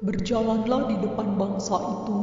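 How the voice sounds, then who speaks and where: A man voicing God, a booming echoing voice. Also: flat delivery, moderate pace, a little mellow, faint music behind, lightly acted. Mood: commanding. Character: God, solemn commanding divine voice. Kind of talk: storybook narration for children. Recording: echoey hall, distant, dull.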